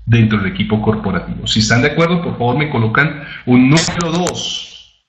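A Colombian corporate department head leads an upbeat, rallying webinar presentation for his company, speaking to the chat in a medium-pitched, expressive, brisk voice. He uses a computer mic on a web conference, and the audio sounds roomy and dull.

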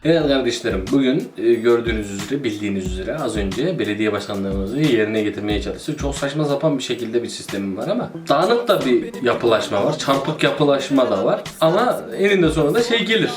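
A man's voice: medium pitch, animated, a little fast, few pauses, over music. A man giving casual, joking commentary while playing a city-building game and talking to himself. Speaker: gaming YouTuber. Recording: roomy echo.

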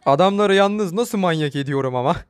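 A man with a high-pitched voice narrating his own mobile game match live. His commentary is excitable, and he turns to loud pleading and panic whenever he is chased. The recording is close and dry, with no room echo. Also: normal speed. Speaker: gamer streamer.

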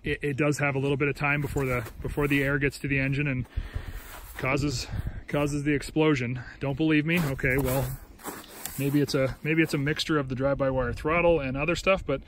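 A man's voice: medium pitch, flat delivery, a little fast, fairly bright tone. Man rambling on a phone outdoors. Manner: rambling, with restarts and filler words. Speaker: snowmobile reviewer. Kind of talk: casual walkaround review. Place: outdoors on snow beside a snowmobile. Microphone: handheld phone camera. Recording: outdoor phone recording with engine noise.

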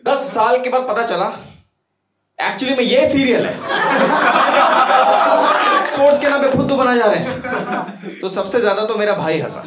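A young man performing a stand-up comedy set on a small club stage into a handheld mic, telling self-mocking stories with animated delivery. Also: extremely high pitch, a little slow, long pauses, heavy background noise. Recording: roomy club with loud crowd laughter. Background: audience laughter.

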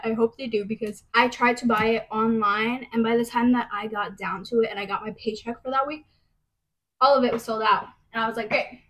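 A young woman, a college student, talks casually to a phone camera propped at arm's length in her kitchen, drifting off on gossipy tangents in a vlog-style chat. Her voice is a little high and the recording is rough. Later she moves to a bedroom and uses a handheld mic.

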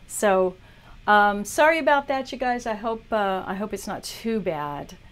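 A woman's voice: mid-range voice, expressive, measured pace. A woman teaching art on a livestream, chatting casually as she talks viewers through a drawing demo. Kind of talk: live demo tutorial.

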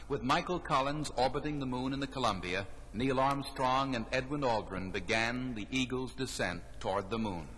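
A man delivering scripted documentary narration in a solemn, grand, measured manner. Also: medium pitch, fairly bright tone. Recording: 1969 vinyl record, long reverb, faint noise.

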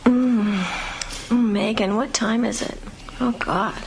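Hushed, creaky-voiced sleepy mother. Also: fairly high pitch, steady tone, slow, slight background noise. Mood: drowsy, soothing. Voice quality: hushed, partly whispered. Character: sleepy, gentle mother soothing her frightened child. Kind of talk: radio ad drama.

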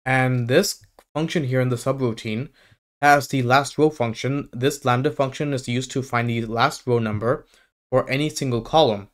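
A man's voice: mid-range voice, fairly even intonation, moderate pace. A man presenting a step-by-step screen tutorial in voice-over, dictating as he types, piece by piece.

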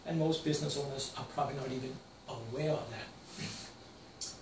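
A man's voice: medium pitch, moderate pace. Danish-accented older man presenting in a roomy space. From Denmark. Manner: plain, matter-of-fact explaining with some stumbles. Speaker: financial advisor. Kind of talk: slide presentation. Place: small room with projector screen. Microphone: far camera. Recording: roomy, distant camera sound with faint hiss.

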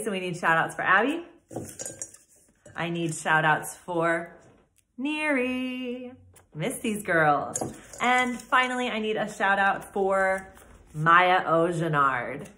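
Low-voiced woman teacher reading aloud. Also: pushed and bright. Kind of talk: reading a chapter book aloud to a class. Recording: echoey room.

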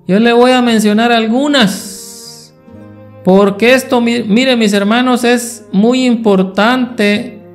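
High-voiced, slow preacher. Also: male voice. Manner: rhetorical questions to the congregation. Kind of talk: Sunday school sermon.

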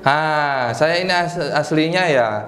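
A man, a PE teacher chatting as a guest in a relaxed, joking way. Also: a little high. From East Java, Indonesia. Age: 30s. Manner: relaxed and joking, with pauses to recall. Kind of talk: casual interview chat. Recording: roomy echo, faint ambient noise.

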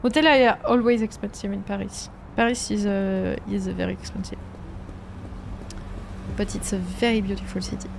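A woman's voice: mid-range voice, steady tone, moderate pace, vocal fry, noisy background. A woman chatting during a live gameplay stream, reacting to viewers' messages and sometimes slipping into English with a French accent.

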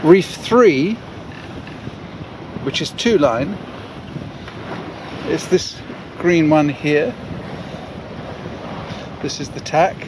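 A man on the deck of a sailboat, casually walking through his rigging in slow, pausing explanations. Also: on the high side, lively intonation. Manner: slow, pausing, pointing things out. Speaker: sailor showing his boat. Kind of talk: casual how-to walkthrough. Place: on deck of a sailboat, outdoors on the water. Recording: wind noise on the mic outdoors. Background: wind and water noise.

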